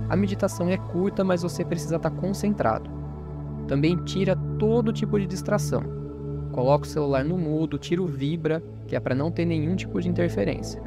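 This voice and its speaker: A Brazilian man guiding a meditation in a calm, soothing, unhurried manner with gentle pauses. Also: on the high side. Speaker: meditation guide and podcast host. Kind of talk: guided meditation. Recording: voice over new-age music. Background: new-age music.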